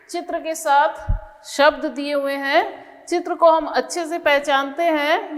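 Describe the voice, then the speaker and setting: A woman's voice: high voice, fairly bright tone, long reverb tail. A woman teacher giving a kindergarten reading lesson, sounding out letters and syllables one by one.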